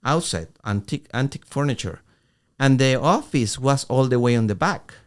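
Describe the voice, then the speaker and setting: A middle-aged man co-hosting a podcast, telling an animated story in casual talk with halting restarts. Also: medium pitch. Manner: animated, acts out quoted voices, halting restarts. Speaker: podcast co-host.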